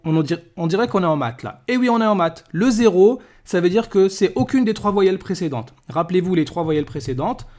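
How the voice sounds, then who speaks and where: A man teaching a recorded reading lesson, patiently drilling syllables and explaining with lively emphasis. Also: a little high.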